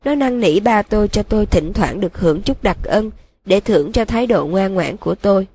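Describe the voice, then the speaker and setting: A broken young male dark wizard, read by a woman, confesses in a flat, emotionless monotone. The voice sounds husky and breathy. He sits at a middle pitch in a storybook audiobook. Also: a little fast. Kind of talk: audiobook reading.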